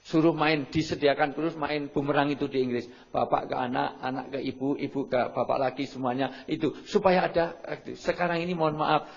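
A middle-aged man lecturing an audience, lively, acting out shouted examples and often apologizing politely. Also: mid-range voice, gravelly. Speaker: seminar speaker. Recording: muffled lo-fi recording.

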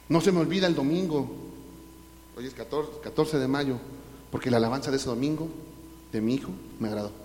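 A middle-aged Mexican pastor preaches in a fairly high voice, swinging between loud preaching and hushed asides. His voice rings through a large reverberant church hall. A faint hum sits underneath. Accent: Mexican Spanish. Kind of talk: sermon. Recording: echoey hall from a distance.

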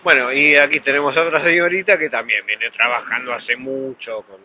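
Playful interviewer on a tinny line. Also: male voice, medium pitch, steady tone, fairly quick. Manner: playful, rambling questions. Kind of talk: casual interview. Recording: tinny phone-like sound, background hiss.

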